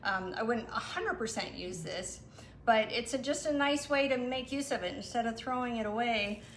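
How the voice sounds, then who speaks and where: A woman guest explaining her recipes in a relaxed, casual chat, with lots of fillers. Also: fairly high pitch, normal speed. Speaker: guest cook. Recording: echoey room with some noise.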